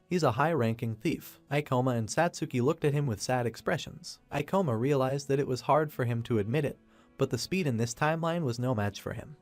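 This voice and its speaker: Male narrator, scripted recap read, steady and even, mid-pitched voice, faint music underneath. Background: faint background music.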